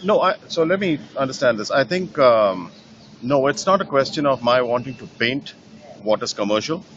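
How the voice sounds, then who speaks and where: A middle-aged painter from Nepal, answering interview questions in a thoughtful way, with many fillers and restarts. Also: male voice, medium pitch, animated, normal speed, a bit bright, dull audio, a little hiss or hum. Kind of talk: conversational interview.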